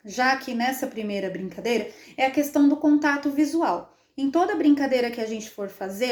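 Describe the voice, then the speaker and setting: Woman, Brazilian Portuguese accent, child development specialist, instructional demo, frequent tag questions, high voice, echoey room. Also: darkish tone. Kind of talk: instructional demonstration. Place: indoor room, playing with a baby. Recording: roomy echo.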